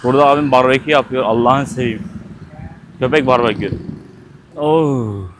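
Talking directly to his audience, a man shooting a travel vlog on a busy street lets out shocked exclamations and curses. He has a mid-range voice and speaks at a normal pace over faint street noise.

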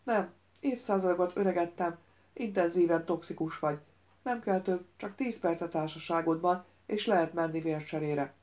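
A woman's voice: on the low side, darkish tone, lo-fi sound, lightly acted. A woman doing a sarcastic tough man. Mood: scornful. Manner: mocking, teasing.

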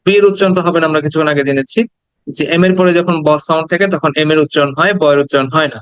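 A man's voice: a little high, fairly even intonation, racing, fairly bright tone, clear, resonant tone, no echo, rough recording. A man with a Bangladeshi accent teaching English pronunciation, repeating each word and coaxing listeners to say it after him. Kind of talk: pronunciation lesson.

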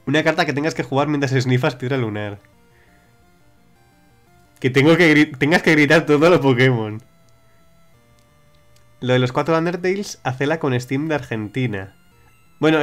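A young male streamer with a fairly high, fairly bright voice chats casually about suggestions from his viewers. He rambles freely, frequently starts over, and swears along the way.

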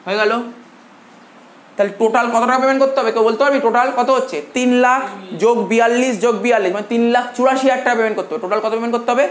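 A male commerce tutor from India giving a classroom lecture, dictating notes slowly with repeated phrases and quizzing his students as he goes. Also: very high voice, fairly even intonation. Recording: roomy classroom echo, faint hum.

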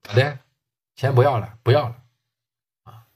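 A man's voice: mid-range voice, normal speed, a little mellow, breathy edge, close to an everyday voice. A man voicing a swaggering male gang boss who taunts and bosses around a rival. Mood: mocking. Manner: taunting, bossy and crude. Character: swaggering middle-aged male gang boss, mocking and domineering.

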